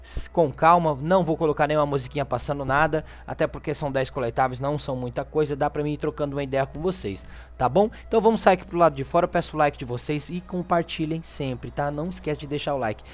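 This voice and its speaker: This fast-talking Brazilian gaming channel host has a slightly high voice. His walkthrough commentary is casual and chatty, in informal language sprinkled with small tag questions checking in with viewers.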